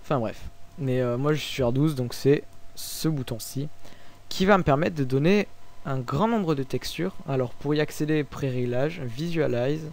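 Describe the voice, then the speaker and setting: A young man with a French accent talking through a software tutorial in a relaxed, informal way, full of hesitations and restarts. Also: medium pitch, vocal fry. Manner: halting, many fillers and restarts, relaxed and informal. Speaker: tutorial maker. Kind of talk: casual screen-recorded software tutorial.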